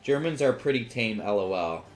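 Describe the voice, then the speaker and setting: A man's voice: mid-range voice, lively intonation, moderate pace. Male gaming commentator, loose and profane, roomy room sound with faint background music. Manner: profane, rambling, restarts sentences. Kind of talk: casual rambling commentary.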